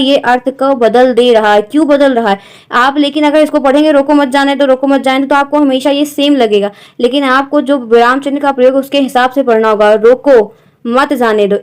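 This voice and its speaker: A woman's voice: fairly high pitch, a little mellow. Woman teaching exam questions. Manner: explains step by step, often asks "clear?". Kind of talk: exam-prep lesson.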